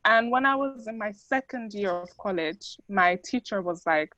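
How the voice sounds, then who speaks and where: A woman's voice: medium pitch, moderate pace, no room sound. Young woman from the netherlands, dutch first language, chatty with lots of ums, dull dry sound. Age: young adult. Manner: chatty, many fillers, animated quoting. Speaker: student speaker. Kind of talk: casual talk to an audience.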